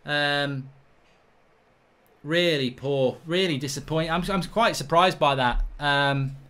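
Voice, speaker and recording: A middle-aged man, reacting live to a football match, ranting, swearing and shouting in exasperation. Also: on the high side, slow pace, smooth. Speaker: football fan channel host.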